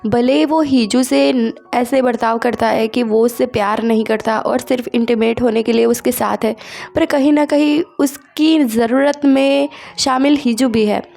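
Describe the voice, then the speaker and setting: A woman casually retelling a comic story in a chatty, expressive way. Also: on the high side, measured pace, creaky.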